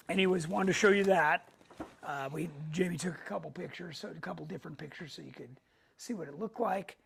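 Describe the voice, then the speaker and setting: A middle-aged man hosts a weekly live tech show in a relaxed style, his high-sitting voice hoarse. He clears his throat often and pauses on filler words.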